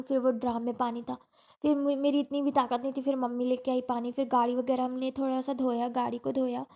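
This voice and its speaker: A woman's voice: high-pitched, darkish tone. A young woman in casual vlog talk, telling a story in a shaken, rambling way with many restarts, still in pain after a fall. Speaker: vlogger.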